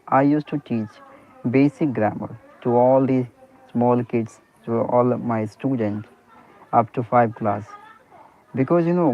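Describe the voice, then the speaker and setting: Heard on a tinny line, this medium-pitched man is a Hindi-speaking private teacher running an English conversation practice. He comes across as earnest, leaning on "okay" and "you know" and frequently starting his sentences over.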